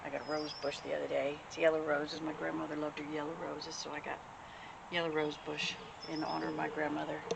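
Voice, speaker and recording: A folksy Southern US woman with a heavily creaky, gravelly voice on the lower side for a woman. She rambles in plain-spoken, homespun show-and-tell fashion. The recording is outdoors, with loud background noise and birds. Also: monotone, a little fast. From the American Deep South. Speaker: homesteader vlogger. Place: outdoors in a rural yard.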